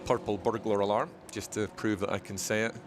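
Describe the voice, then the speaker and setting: Middle-aged Scottish-born man, lowish voice, friendly volunteer interviewee, halting repeats. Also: flat delivery, music in the background. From Scotland. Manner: friendly, repeats words while searching for them. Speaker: volunteer guest. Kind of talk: casual interview.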